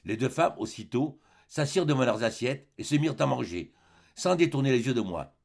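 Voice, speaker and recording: A male reader narrates a classic novel with a gravelly voice at a middle pitch. His phrasing is measured and deliberate, with pauses between clauses. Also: expressive, a little mellow. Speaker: audiobook reader. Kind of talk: literary audiobook narration.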